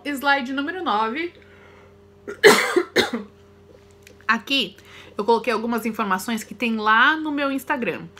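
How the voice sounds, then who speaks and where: A high, bright, forceful female voice with a Brazilian Portuguese accent leads this recorded online English lesson. She works through vocabulary and pronunciation word by word, slowly and carefully, repeating example after example.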